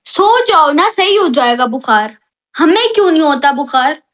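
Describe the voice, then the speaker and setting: Female live-stream host, very high pitch, heated and repetitive when she argues. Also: normal speed. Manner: animated, heated complaining; repeats herself for emphasis. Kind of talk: casual live-stream chat.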